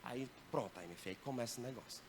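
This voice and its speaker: A man, a missionary giving a lively church training talk and often checking in with the audience. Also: medium pitch, rapid-fire, background noise. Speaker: missionary teaching evangelism. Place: church hall.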